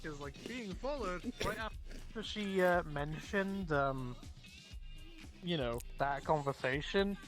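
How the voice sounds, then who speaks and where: Lively, hesitant roleplay player. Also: medium pitch, slow pace, over music. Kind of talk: casual gaming chat.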